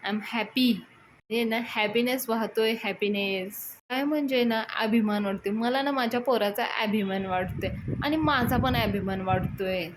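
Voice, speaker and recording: Woman, serial review host, retells episodes, acts out characters' lines, higher voice, faint noise behind. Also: normal speed.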